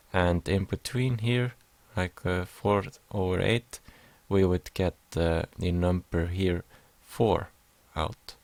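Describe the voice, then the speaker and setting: A man's voice: low voice, creaky, dry recording. A young man from Iceland, hesitantly explaining a class assignment over slides, with many fillers. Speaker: music production student.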